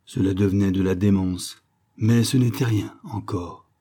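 A man's voice: low voice, steady tone, a little slow, dark tone. A man telling the tale of an old opera singer. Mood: recounting. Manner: confiding, wistful storytelling. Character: old woman, former opera singer, recalling her past.

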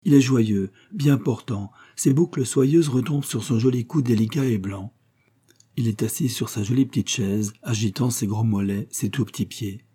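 A man reading a literary short story aloud as an audiobook narrator, in a measured, solemn way. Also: medium pitch, warm tone, breathy edge.

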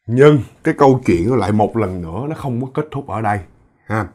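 A man's voice: on the low side, animated, a little fast, darkish tone. A man telling a ghost story in a chatty way, addressing listeners directly and repeating words for effect. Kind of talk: casual spoken storytelling.

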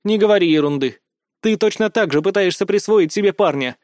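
A man's voice: sits high, a little fast, darkish tone, no echo, studio quality, pitched above the performer's own voice, close to an everyday voice. A man voicing a composed young blonde female student who talks in a stern, cool, reasoning way.

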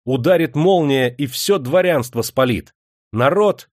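A man voicing a defiant young serf prisoner who answers mockingly and shouts back. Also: mid-range voice, normal speed, no room sound, clean studio sound, lightly acted.

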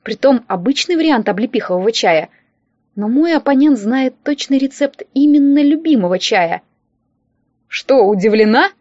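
A woman's voice: sits high, moderate pace, dry recording, muffled recording. Woman wryly narrating a comic audiobook. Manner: wry, lively first-person storytelling. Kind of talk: audiobook narration of a humorous romance.

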